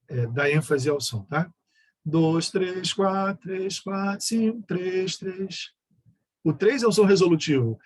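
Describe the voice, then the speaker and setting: A man's voice: a little high, husky. A man from Brazil giving an online music education lecture, explaining step by step and singing rhythm syllables and scale numbers as examples.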